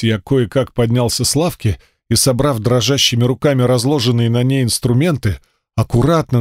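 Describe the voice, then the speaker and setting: A man reading a first-person fantasy audiobook in a steady, measured storytelling voice. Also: medium pitch, no echo, studio quality. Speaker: audiobook narrator.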